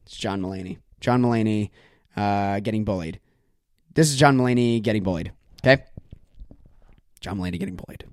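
A man's voice: fairly low pitch, a little fast, long pauses, darkish tone, clear, resonant tone, no echo, clean studio sound. A young man hosting a solo comedy podcast, doing exaggerated mock-angry rants laced with swearing. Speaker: podcast host.

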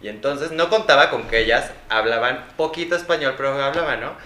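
A man with a Mexican Spanish accent, co-hosting a casual chat and telling animated, self-mocking stories. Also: mid-range voice, a little fast. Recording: roomy with faint noise.

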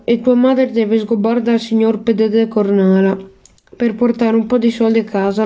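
An exasperated middle-aged father, reproachful and lecturing his son at length, as a woman reading aloud puts him on. Her voice stays warm and fairly high throughout. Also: lightly acted.

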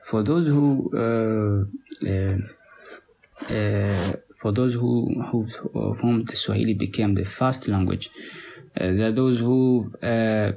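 A native Somali speaker with a Somali accent appears as a podcast guest in a conversational interview, talking haltingly with many pauses and repeated words. His voice is lowish and warm, with vocal fry.

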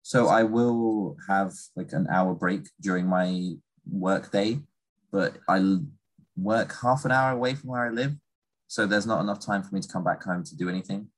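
A man's voice: low voice, normal speed, low-quality recording. A young man from England chatting casually and loosely about everyday habits. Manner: relaxed, rambling, with fillers. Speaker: conversation partner. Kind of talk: casual chat.

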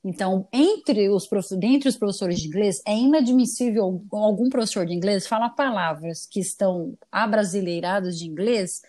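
A woman who is a guest on a podcast, ranting in a lively, profane, casual way. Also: medium pitch, moderate pace, few pauses. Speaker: guest artist and English teacher.

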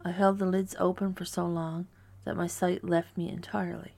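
A woman narrating a first-person horror story in a hushed, measured, dread-filled delivery. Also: on the low side, level tone, creaky.

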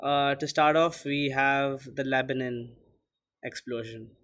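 A man's voice: mid-range voice, fairly even intonation, unhurried, a bit bright. A teenage boy from India co-hosting a casual podcast, talking loosely with lots of fillers. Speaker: podcast co-host.

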